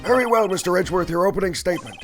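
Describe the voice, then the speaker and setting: A man's voice: sits high, expressive, rapid-fire, soft background music, voice pushed up. A man voicing a very old male judge in a courtroom video game, formal and solemn, with a strained elderly voice. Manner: formal, declamatory.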